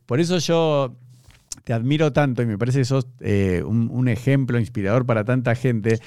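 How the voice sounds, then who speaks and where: A man's voice: mid-range voice, moderate pace, darkish tone, clear, resonant tone, dry recording, clean studio sound. Talkative Argentine man interviewing. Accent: Argentine Spanish. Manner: talkative, rambling, enthusiastic. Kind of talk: casual interview chat.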